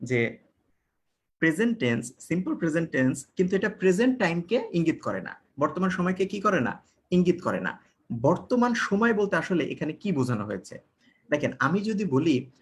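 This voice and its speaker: A man from Bangladesh gives an online English grammar lesson, his voice sitting a little high. He keeps asking the class questions and answering them himself. Key words get repeated and spelled out slowly. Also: very animated. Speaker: English teacher.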